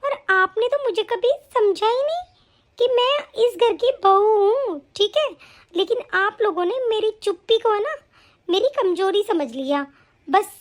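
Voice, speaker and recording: A woman voicing a young daughter-in-law who is fed up and defiant, in an animated story, with a sharp, scolding delivery. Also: very high-pitched, unhurried. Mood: indignant. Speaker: voice actor.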